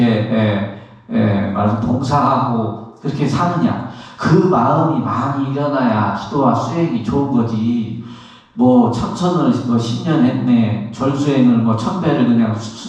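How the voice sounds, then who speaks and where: Korean monk preaching in an echoey hall. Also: male voice, mid-range voice. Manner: lively, acts out everyday complaints, asks the audience questions. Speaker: Buddhist monk, temple abbot. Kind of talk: dharma talk to an audience. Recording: very echoey, from far off.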